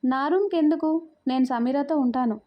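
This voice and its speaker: A woman's voice: high-pitched, moderate pace, muffled recording, close to an everyday voice. A woman storyteller voicing a playful, affectionate young groom in a spoken story.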